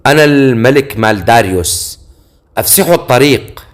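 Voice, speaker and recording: A man voicing a furious, panicking fallen king who shouts in desperate outbursts. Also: medium pitch, sing-song, fast talker, close to an everyday voice. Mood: insistent.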